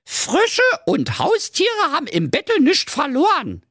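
A spoiled, snippy rich girl played by a man squeals her lines in a shrill Berlin falsetto. The pitch swoops wildly up and down, and the dry, close recording leaves nothing to soften it. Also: wildly swooping pitch, slow, no echo, exaggerated voice. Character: spoiled bratty rich young woman, rude.

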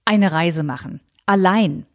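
A woman reading aloud and voicing a determined, free-thinking young woman writer who calmly stands her ground. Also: fairly low pitch, slow pace.

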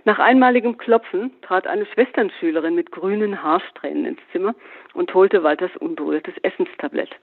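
A man narrates a literary story in a measured, even way, with his voice sitting a little high. The sound is narrow and thin, like a phone line. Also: gravelly, dry recording. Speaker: reader. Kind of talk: literary reading.

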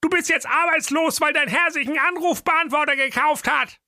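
A man's voice: very high voice, a little fast, sharp tone, dry recording, studio quality, pitched above the performer's own voice, exaggerated voice. A man voicing a bossy, impatient male donkey in a comic audio fairy tale. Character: bossy male donkey, laid-off railway crossing keeper.

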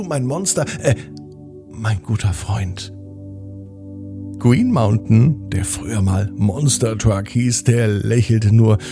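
A man narrating a bedtime story in a gentle, expressive way. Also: lowish voice, creaky.

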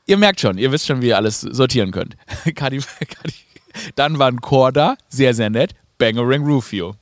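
A man's voice: medium pitch, animated, moderate pace, no echo. A man hosting a podcast, talking in a casual comedic monologue full of ironic asides and fillers.

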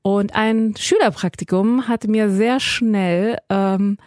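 A woman's voice: medium pitch, fairly even intonation, slow, darkish tone, no room sound, studio quality. A woman in her forties, a radio journalist, talking as a guest in a podcast interview, chatty, with many fillers and restarts. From Iranian family.

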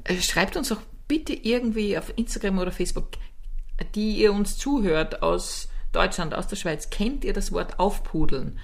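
A woman's voice: medium pitch, expressive, moderate pace, vocal fry. Playful Viennese woman co-host. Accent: Austrian, Viennese. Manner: playful, argumentative wordplay. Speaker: podcast co-host, improv comedian. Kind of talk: casual banter.

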